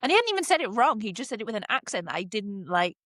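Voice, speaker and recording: A woman's voice: medium pitch, sing-song, quick pace, a bit bright, dry recording. Sweary chatty woman podcaster. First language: English. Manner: swears freely, chatty storytelling with many fillers. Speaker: podcast co-host. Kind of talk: casual chat.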